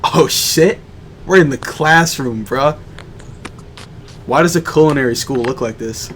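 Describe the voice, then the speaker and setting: A man's voice: medium pitch, unhurried, fairly bright tone, a little hiss or hum. A man streaming a game playthrough, casually joking and reading the on-screen narration aloud in a playful way.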